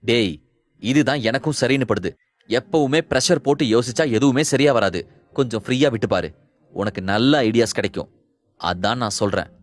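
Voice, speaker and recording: A man voicing a calm young man who gently persuades his friends to relax. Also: mid-range voice, moderate pace, close to an everyday voice. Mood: soothing. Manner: soothing, persuasive.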